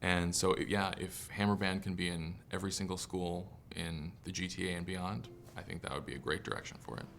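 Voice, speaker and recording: A man's voice: deep voice, level tone, a little fast, gravelly, few pauses, a bit bright, slight background noise. A man giving an earnest, opinionated documentary interview, with some fillers. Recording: music bed under interview.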